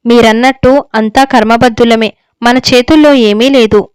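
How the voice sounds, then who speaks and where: A woman's voice: on the high side, fairly even intonation, normal speed, clear, resonant tone, no room sound, lightly acted. A woman reading the lines of an anxious older mother who pleads with her husband for her son. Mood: pleading. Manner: pleading, tearful. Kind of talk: story reading.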